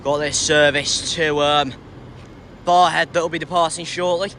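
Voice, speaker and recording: A man's voice: a little high, fairly even intonation, a little slow, a bit bright. A man giving casual vlog commentary as a trainspotter, hesitant and often correcting himself. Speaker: trainspotting vlogger. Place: large railway station. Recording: clear railway station background noise.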